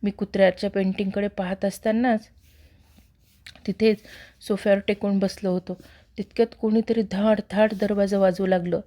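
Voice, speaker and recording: A woman reading a horror story aloud in a steady, measured narrating voice. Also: mid-range voice. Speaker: story reader.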